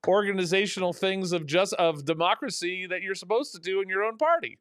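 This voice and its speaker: A man's voice: high voice, brisk, fairly bright tone, clean tone, no room sound, studio quality. A man hosting a political talk show, rambling and sarcastic, with many restarts. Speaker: radio talk show host.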